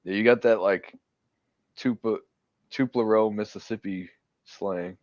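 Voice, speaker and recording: A man livestreaming in casual chat, animated and laughing often. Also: lowish voice, a little slow, no echo, highs cut off.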